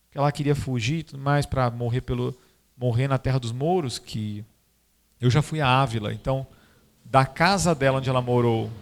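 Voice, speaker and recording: Animated Brazilian man telling stories. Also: vocal fry. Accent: Brazilian Portuguese. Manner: animated, conversational, pitch swinging widely, frequent tag questions. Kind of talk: informal talk with storytelling.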